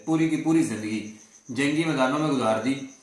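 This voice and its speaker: Male reaction host from Pakistan, halting delivery with lots of fillers, recorded in a very echoey room. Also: mid-range voice. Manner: rambling, hesitant, many fillers. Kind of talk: reaction commentary.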